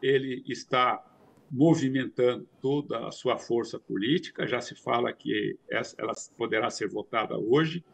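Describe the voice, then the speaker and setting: A man's voice: mid-range voice, moderate pace, vocal fry, husky. A man in his sixties giving remote news commentary from a home study over a video call, explaining at length with frequent hesitations and repeated fillers.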